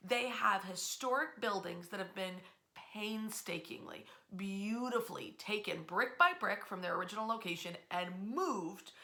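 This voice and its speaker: A woman with a mid-range voice hosts a casual history storytelling talk. She speaks conversationally, adding animated asides and pausing for emphasis.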